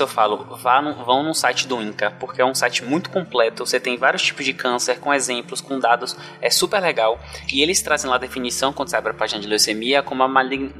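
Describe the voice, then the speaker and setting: A male podcast panelist with a Bahian Brazilian accent. He explains things in a conversational way, at a very quick pace. His voice is bright and forward, with music behind it. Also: medium pitch. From Salvador, Bahia, Brazil.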